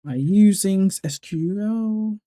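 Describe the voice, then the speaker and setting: Guy, very dark mellow voice, laid-back screen-recording tutorial, lots of uhs. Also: high-pitched, slow pace. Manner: relaxed, thinking aloud with fillers and self-corrections. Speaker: YouTuber walking through a code editor setup.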